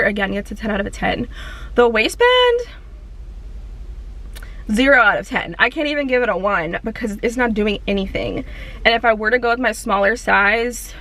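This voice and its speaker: A woman's voice: mid-range voice, a bit bright. A young woman chatting casually in a gym vlog, upbeat and talking straight to her viewers, a little out of breath after her workout. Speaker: fitness vlogger. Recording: faint music behind.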